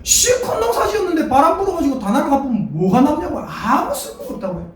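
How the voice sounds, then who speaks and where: A pastor preaching a sermon in a lively way, prompting the congregation to answer and repeat after him. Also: high-pitched, fast talker, a little hiss or hum. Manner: lively, calls for congregation responses. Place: church sanctuary. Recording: echoey church hall, mic far off.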